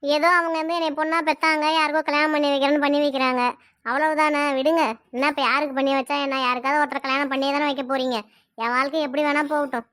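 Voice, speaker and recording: A woman voicing a tearful, resigned young adult daughter in a cartoon, speaking in Tirunelveli Tamil with sad, pleading, quick talk. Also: high-pitched, level tone, fairly bright tone, no echo, studio quality. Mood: upset. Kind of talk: cartoon dialogue.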